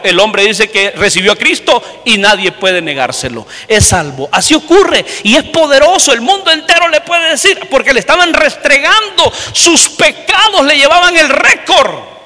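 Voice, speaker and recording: A man, a pastor preaching a sermon, telling stories and acting out voices, swinging between loud and soft. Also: high voice, long reverb tail. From Honduras. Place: church.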